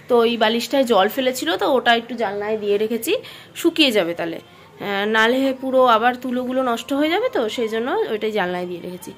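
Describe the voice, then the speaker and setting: A high-pitched young woman with a West Bengal Bengali accent chats warmly and easily to her viewers, as if they were beside her. She films herself at home on a handheld phone, narrating her day in a casual family vlog and gently coaxing her small child. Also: a little hiss or hum. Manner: chatty, talks straight to viewers, coaxes her child. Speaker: family vlogger. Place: home, indoors.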